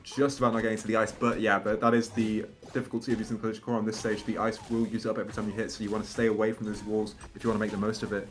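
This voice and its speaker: A man's voice: fairly low pitch, flat delivery, very fast, hardly any pauses, soft background music. A young man calling play-by-play at a fighting game tournament, explaining the action and slipping in puns. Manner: analytical play-by-play, fond of puns. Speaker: esports commentator. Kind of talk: live tournament commentary.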